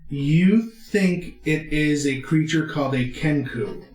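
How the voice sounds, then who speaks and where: A man narrating as game master of a tabletop game, explaining the world in an unhurried way. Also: on the high side, roomy sound, soft background music.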